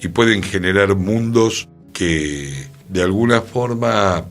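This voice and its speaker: The radio host, a man with an Argentine accent, takes it slowly in a low voice as he muses conversationally about culture. He's in a radio studio, and music plays in the background.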